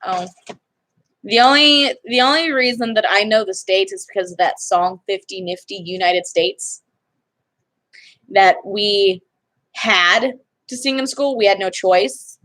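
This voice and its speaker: Here a young vlogger talks casually in a medium-pitched, slightly bright voice, going a little slow. Her chatter rambles, and she often breaks off her own sentences.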